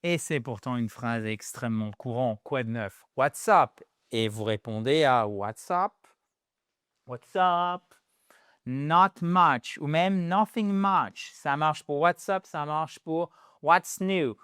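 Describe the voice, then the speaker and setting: A man teaching English to French speakers in a lively video lesson, a native French speaker who addresses viewers as dear friends and repeats English phrases slowly. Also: on the high side, smooth, dry recording, studio quality.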